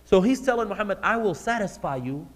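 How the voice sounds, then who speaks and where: A man's voice: high voice, lively intonation, fast. A man giving a religious lesson to a live class, speaking conversationally and putting questions to the audience. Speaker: religious teacher. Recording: long hall reverb.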